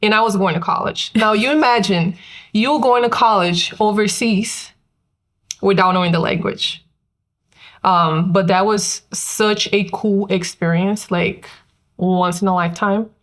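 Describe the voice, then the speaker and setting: A young woman from Brazil with a Brazilian accent, co-hosting a podcast in a relaxed, agreeable casual chat. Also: mid-range voice, a little slow. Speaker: co-host.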